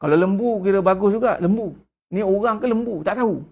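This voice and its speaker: A middle-aged man with a Malaysian Malay accent, preaching a sermon in a blunt, lively way and acting out the people he quotes. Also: high-pitched, a little fast. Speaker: religious teacher.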